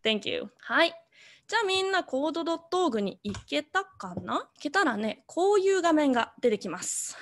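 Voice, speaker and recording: A woman's voice: high voice, sing-song, brisk. A woman teaching an online coding lesson to children, cheerful, and mixing English words into her speech.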